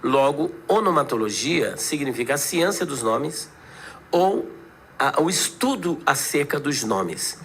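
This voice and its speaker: A man's voice: fairly high pitch, big pitch swings, measured pace, a bit bright, slight background noise. A man, a guest pastor on a podcast debate, explaining word origins step by step in a teaching manner.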